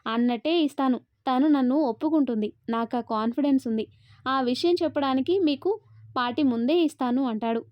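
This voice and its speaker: Woman, storyteller, high voice, dry close sound, slightly dull audio, quick even reading. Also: dry recording. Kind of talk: scripted narration of a love story, all parts read by one voice.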